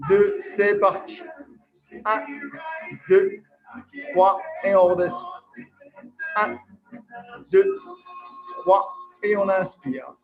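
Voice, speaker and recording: A man leading a live online workout class as fitness coach, counting down reps and coaxing people on in an upbeat way over a video call. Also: high-pitched. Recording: dull lo-fi video call audio. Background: faint workout music.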